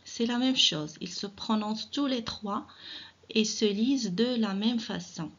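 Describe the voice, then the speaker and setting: Woman, primary teacher, slow syllable-by-syllable reading, encouraging tone, dull lo-fi sound. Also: fairly high pitch. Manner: encouraging, addresses children directly. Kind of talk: early reading lesson.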